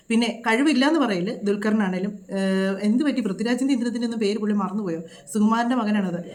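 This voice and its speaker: A woman vlogger, giving indignant, scolding commentary full of rhetorical questions. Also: fairly high pitch. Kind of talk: opinionated reaction commentary.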